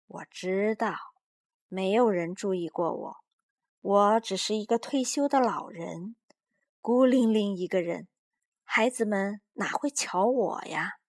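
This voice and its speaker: A kindly old man in a storybook, retired and lonely, speaking gently and without hurry, as a woman reads him. The voice stays soft and plain. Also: medium pitch, slow pace. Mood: gentle.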